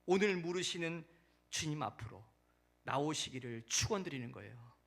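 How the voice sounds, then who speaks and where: A male pastor preaching a sermon in a church, telling a story dramatically with loud emphatic peaks and soft, dropping sentence endings. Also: high voice, very animated, normal speed.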